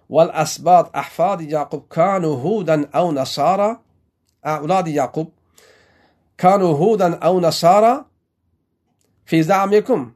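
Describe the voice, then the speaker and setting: Man, high voice, from Afghanistan, teaching a classical text, measured explanation, frequent restarts. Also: a little mellow. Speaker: teacher of Quranic exegesis and grammar.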